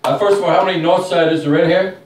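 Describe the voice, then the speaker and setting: Crude stand-up comic in a roomy bar. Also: male voice, sits high, fairly even intonation, fast talker, slight background noise. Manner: crude, swearing storyteller. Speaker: stand-up comedian. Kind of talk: stand-up set. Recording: roomy live room from a distance.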